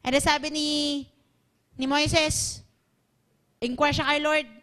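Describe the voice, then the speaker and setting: A woman preaching a church sermon in a very high voice. Her tone is bright and forceful. She works her points into rising, fervent call-and-answer refrains. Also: level tone, slow pace.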